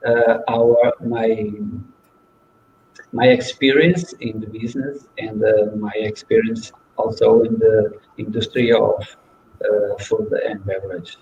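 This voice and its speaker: A man's voice: lowish voice, little pitch movement, slow. A man from Portugal who owns a restaurant, introducing himself on an online panel in a hesitant way with many restarts. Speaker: restaurant owner. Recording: distant, roomy, muffled with faint noise.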